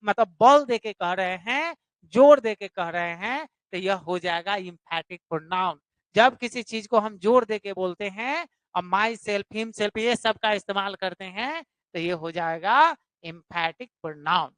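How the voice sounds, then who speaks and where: A woman's voice: medium pitch, slow pace, dry recording. A woman teaching a live online English grammar class, repeating points and putting questions to her students. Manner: repetitive, explanatory, questions students directly.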